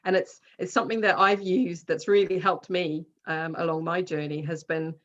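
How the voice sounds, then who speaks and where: A woman with a New Zealand accent, a guest speaking slowly and gently about spiritual ideas over a recorded call. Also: on the low side, fairly even intonation, lo-fi sound. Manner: slow, gentle, spiritual musing. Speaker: guest, author and colour healer. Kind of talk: reflective conversation on a call.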